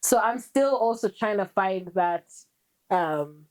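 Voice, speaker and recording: A young woman from Kenya with an American-tinged accent, chatting candidly as a guest musician in a casual interview, quick and rambling with many fillers. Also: mid-range voice, expressive, darkish tone.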